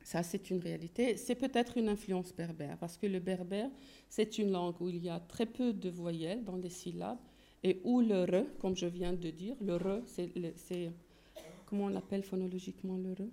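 Gravelly-voiced woman lecturing on linguistics. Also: on the low side, normal speed, warm tone. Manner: explanatory, thinks aloud while searching for terms.

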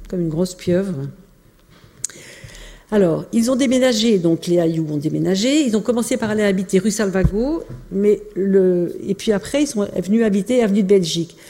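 A woman's voice: mid-range voice, warm tone. A woman giving an informal illustrated talk about family archives, speaking hesitantly with many fillers and restarts. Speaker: lecturer presenting family archives. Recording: long hall reverb.

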